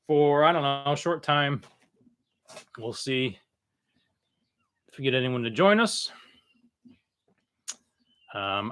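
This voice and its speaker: A man hosting a casual, unscripted livestream, talking in a halting way that often trails off. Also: medium pitch, a bit bright. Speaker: livestream host.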